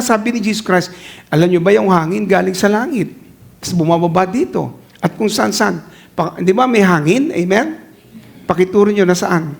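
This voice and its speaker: A middle-aged man preaching a lively sermon, slipping into English phrases and laughing as he speaks. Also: sits high. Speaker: pastor.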